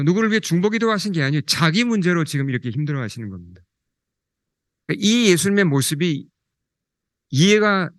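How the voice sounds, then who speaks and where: A male pastor preaching a sermon, his voice on the high side and the sound dry. He keeps asking the congregation questions. He goes slower and softer when he quotes scripture. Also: no echo. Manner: asks the congregation questions, reads scripture aloud; slows down and drops soft when quoting scripture.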